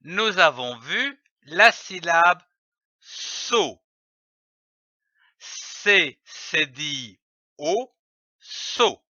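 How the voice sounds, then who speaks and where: A man teaches reading at a very slow, deliberate pace, sounding out each letter and syllable. His voice is high and bright, with a lively, sing-song rise and fall. The recording is dry and a little dull. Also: no room sound. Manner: spells letters and sounds out slowly and carefully.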